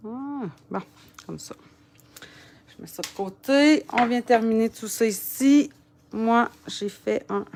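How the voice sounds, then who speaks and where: A woman with a Quebec French accent giving a casual crafting tutorial, chatting and muttering to herself as she works. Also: a little high. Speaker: papercraft demonstrator.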